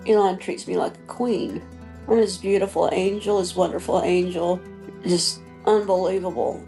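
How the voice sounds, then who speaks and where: A woman in her sixties gives a documentary interview. Her voice is gravelly, low and mellow. She sounds earnest and effusive. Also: steady tone, moderate pace, faint music behind. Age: 60s.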